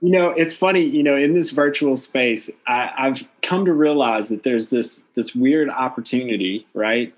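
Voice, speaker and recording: A man's voice: mid-range voice, moderate pace, hardly any pauses. A man hosting an interview podcast in an informal, encouraging way, moving between conversation and narration.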